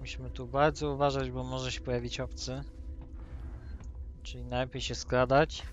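A man's voice: mid-range voice, level tone, normal speed, highs cut off. A tipsy man giving rambling, casual commentary as he hosts a let's-play. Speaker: gaming video host. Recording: noisy, with game ambience behind. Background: video game ambience.

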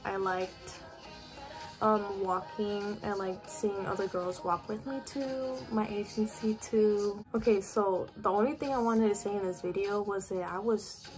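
A woman's voice: mid-range voice, steady tone, unhurried, music in the background. Chatty teen girl rambling to webcam. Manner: chatty, lots of "like" fillers. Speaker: vlogger. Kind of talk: casual chat to camera. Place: bedroom at home.

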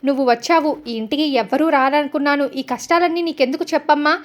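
Spiteful older aunt, taunting and scolding, high and quick, read by a woman. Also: lightly acted.

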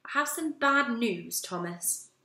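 A woman voicing a composed female general manager who speaks in a measured, formal way. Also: on the high side, expressive, bright, forceful tone, heavily acted. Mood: grave. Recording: roomy echo.

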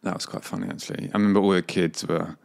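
A man's voice: deep voice, steady tone, fast talker, creaky. A young English man telling a story in a laid-back, rambling podcast chat, laughing as he goes. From England. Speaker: podcast guest, cricketer.

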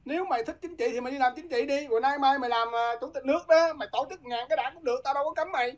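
A woman's voice: high-pitched, rapid-fire. A woman from Vietnam, a guest talking politics in a heated, combative way and repeatedly challenging her listeners.

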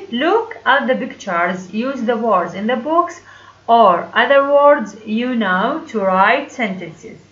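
Iraqi lady teaching english, reads a line out then explains it, bright clear voice, kinda slow, dull lo-fi sound. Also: a little high. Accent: Iraqi Arabic. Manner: reads English lines aloud, then translates and explains them. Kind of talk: explaining a textbook lesson.

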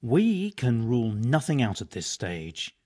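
A man's voice: medium pitch, huge pitch swings, unhurried, dark tone. A male actor playing a learned medieval monk in a video game, speaking in a bookish, precise, dry manner. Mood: studious. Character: learned, matter-of-fact medieval monk physician. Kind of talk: video game dialogue acting.

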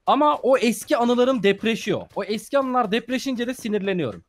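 A man's voice: extremely high pitch, animated, brisk. A young man playing a game with a friend, teasing him and cracking mock-serious jokes. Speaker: guest gamer. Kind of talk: casual gameplay chat with a friend.

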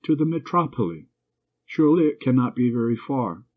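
Man reading the part of a proud young lady, refined and a touch condescending, a little brighter than the narration but still his own voice; the recording is muffled and lo-fi. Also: mid-range voice, big pitch swings, a little fast. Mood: haughty. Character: haughty refined young woman, spirited. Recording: dull lo-fi recording.

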